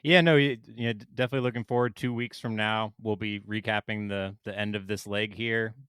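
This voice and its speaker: A man's voice: on the low side, fairly even intonation, a little fast, a bit bright, smooth, no room sound. A man co-hosting a podcast in casual, upbeat chat, with small stumbles and repeated words. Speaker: podcast co-host.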